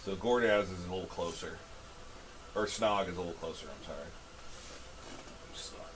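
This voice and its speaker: A man's voice: low voice, moderate pace, slight background noise, low-quality recording. A man running a tabletop fantasy game as game master, improvising narration of scenes and asking players for their turns. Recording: music playing behind the voice.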